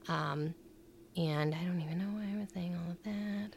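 A woman's voice: lowish voice, normal speed, creaky, noisy background. A woman co-hosting a podcast, chatting casually and playfully. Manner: giggly, playful, breaks into silly voices and song. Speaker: podcast co-host. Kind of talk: casual chat.

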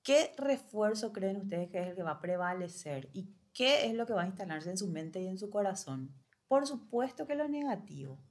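A woman's voice: mid-range voice, expressive, moderate pace, darkish tone. A woman co-hosting a talk show, explaining parenting ideas through everyday examples and speaking straight to listeners. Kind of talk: conversational advice talk.

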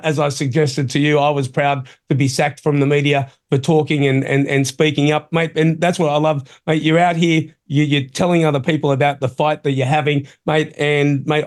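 A middle-aged Australian man hosting talk radio, opinionated and colloquial in a blokey, tradesman-like way, often calling people mate. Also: a little high. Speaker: talk show host.

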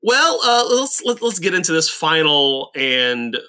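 A man's voice: on the high side, sing-song, a little slow, sharp tone. A man co-hosting a podcast, chatting casually, upbeat and laughing often. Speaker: podcast co-host. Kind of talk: casual chat.

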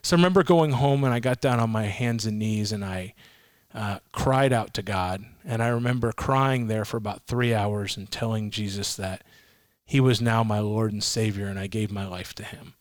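A man's voice: lowish voice, normal speed, dry recording. Middle-aged man telling his story, dry sound. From Massachusetts, raised in Florida. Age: 40s. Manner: earnest storytelling with restarts and self-quotes. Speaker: guest, ministry leader. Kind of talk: personal testimony in an interview. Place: a home.

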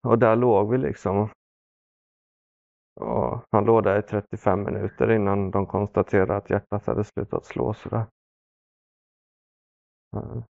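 A man telling a painful personal story in conversation, halting, with many fillers and pauses, subdued and sombre. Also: on the low side, level tone, gravelly, darkish tone, dry recording. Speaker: podcast guest. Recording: dull, dry lo-fi sound.

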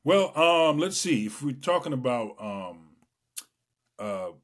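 A middle-aged man from Trinidad and Tobago, a guest entertainer telling his career story in a lively way, with many fillers. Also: mid-range voice, takes it slowly. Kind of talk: casual interview chat.

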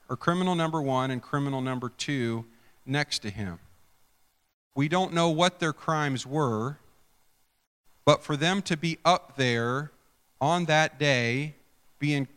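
A male pastor gives a chatty, conversational sermon, often restarting his sentences and tossing questions to the congregation. His voice is bright and forceful, and it rings with a long reverb in a church sanctuary. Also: medium pitch, clean tone. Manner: chatty, self-interrupting, quizzes the congregation.

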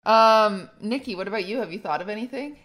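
A woman's voice: medium pitch, a little fast, a bit bright. A woman chatting casually on a stream, playful and teasing. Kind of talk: casual chat.

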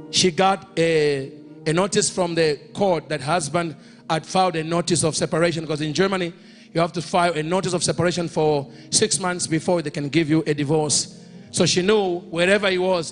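A male preacher telling a story in a sermon and leading prayer, emphatic, repeating phrases and calling out to the congregation. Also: a little high. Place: church or conference hall in Ghana.

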